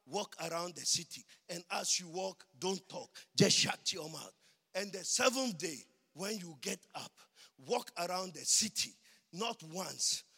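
A high-voiced man preaches a sermon with a slow, deliberate delivery, his words carrying a long reverb through a church hall. He grows into fervent shouting and sounds short of breath. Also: gravelly, husky. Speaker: pastor.

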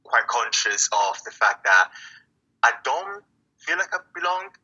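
Brief: male poet guest from Italy, bright raspy tone, reflective and halting, lo-fi call sound. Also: medium pitch, big pitch swings. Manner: reflective, halting, many restarts and fillers. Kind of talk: casual interview talk.

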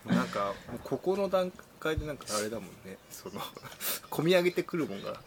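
A man's voice: mid-range voice, sing-song, fairly quick, background noise. A man chatting casually as a reading group participant, with informal, joking commentary. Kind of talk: casual chat.

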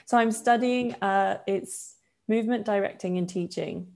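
A woman in her twenties from Poland, a podcast guest talking in a relaxed, chatty way with lots of fillers and frequent laughs. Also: medium pitch, moderate pace, creaky. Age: 20s. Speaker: podcast guest, yoga teacher. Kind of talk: casual interview chat.

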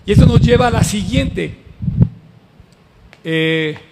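Gravelly high-voiced preacher. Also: male voice, slow, in a large hall, background noise. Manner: animated and conversational, addresses the audience with questions. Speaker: pastor. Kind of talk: lively sermon to a live congregation.

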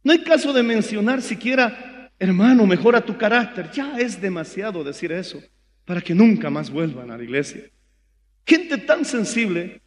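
Fervent high-voiced Bolivian preacher. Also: male voice, big pitch swings, normal speed, big-room sound. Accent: Bolivian Spanish. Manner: fervent preaching, rising to shouts. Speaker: pastor. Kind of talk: sermon.

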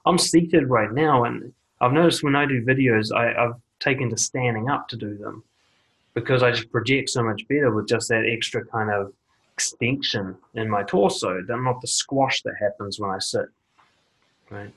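A man coaching viewers on confident speaking in a measured, deliberate advice monologue, often pausing on a quiet "okay" and repeating words for emphasis. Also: medium pitch, poor audio. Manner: measured, deliberate delivery with frequent "okay" asides. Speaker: YouTube dating and confidence coach. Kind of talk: direct-to-camera advice monologue. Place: seated indoors recording a video.

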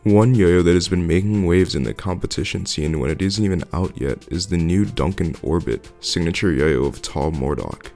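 A man hosting a podcast, reading scripted sponsor announcements in a steady, informative way. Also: low voice, moderate pace, vocal fry, few pauses, soft background music. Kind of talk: scripted ad read.

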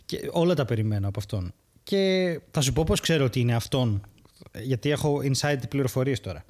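A man co-hosting a podcast in casual chat, animated and often laughing at his own stories. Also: mid-range voice. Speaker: podcast co-host.

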